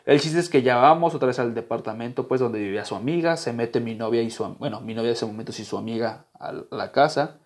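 A man's voice: mid-range voice, fast talker, hardly any pauses. A young man with a Mexican accent telling a casual anecdote, swearing freely and acting out what people said. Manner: profane, animated, acts out quotes. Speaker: storyteller.

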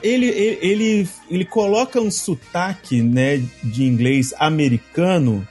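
A man's voice: a little high, a little slow, a little mellow, husky, faint music behind. A Brazilian Portuguese-speaking man co-hosting a podcast in casual chat, rambling with lots of fillers. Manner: rambling storyteller, frequent fillers. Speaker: podcast co-host.

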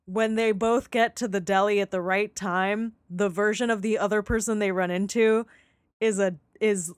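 A woman's voice: mid-range voice, smooth, dry recording, clean studio sound. Chatty young woman recapping a show. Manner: animated, acts out characters' lines in quick voices, laughs often. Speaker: podcast co-host discussing a TV series. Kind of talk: casual chat.

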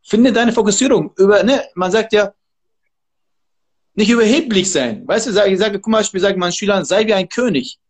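High-voiced, emphatic martial arts trainer. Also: male voice, moderate pace. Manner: emphatic, motivational, preachy. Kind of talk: casual interview talk.

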